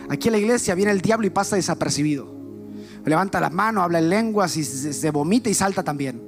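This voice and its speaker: High-voiced man preaching over music. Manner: passionate, direct, addresses listener as brother. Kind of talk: sermon. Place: church. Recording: with background music.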